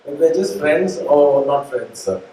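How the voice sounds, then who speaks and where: Indian-accented male author, thirties, respectful interviewee, mellow tone, heavy room echo. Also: a little high, lively intonation, measured pace. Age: 30s. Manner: deferential, says "sir" constantly. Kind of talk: live conversation on stage. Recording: echoey room, distant mic, faint noise.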